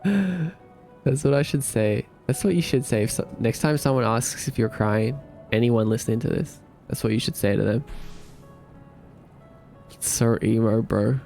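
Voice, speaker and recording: A young man chats on a livestream, teasing and laughing as he reads out comments. His voice has a gravelly, fry-tinged texture. Quiet music plays in the background. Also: medium pitch, normal speed. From Australia. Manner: playful, laughing, teasing chat. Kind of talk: casual chat reading viewer comments.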